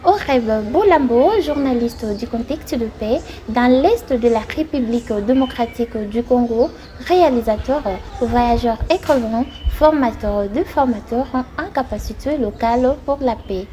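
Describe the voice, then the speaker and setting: A woman introducing a guest in documentary narration, listing his titles in a measured way. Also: a little high, mellow, slight background noise.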